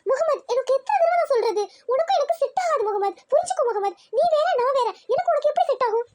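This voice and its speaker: Woman doing a torn young college girl, very high voice, rattling fast, pleading, cartoon. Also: animated, a little mellow. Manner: pleading, anxious. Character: young female college student Aishu, torn. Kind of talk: Tamil cartoon voice acting.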